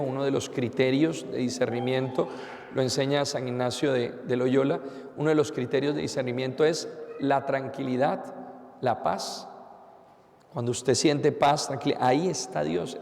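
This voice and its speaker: Gravelly-voiced priest preaching in a reverberant church. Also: male voice, mid-range voice, darkish tone. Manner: earnest preaching with rhetorical questions and repeated phrases. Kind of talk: sermon.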